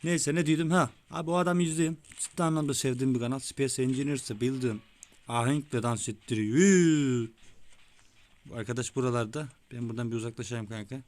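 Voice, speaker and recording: Young man, gameplay commentary, excitable, frequent swearing, mid pitch, slightly rough voice. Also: a little fast. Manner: excitable, swears often, brotherly tone. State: sweaty, voice gone a bit rough. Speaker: gaming YouTuber. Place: small room with window closed.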